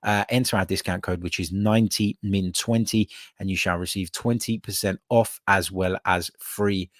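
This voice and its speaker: A man's voice: deep voice, steady tone, moderate pace, no echo, clean studio sound. A young man from England, hosting a live solo podcast and arguing his points emphatically, often repeating them for effect. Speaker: podcast host.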